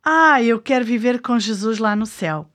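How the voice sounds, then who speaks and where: Co-hosting a children's show, a high-voiced woman with a European Portuguese accent delivers conversational, scripted storytelling at a moderate pace. Her manner is curious and expressive.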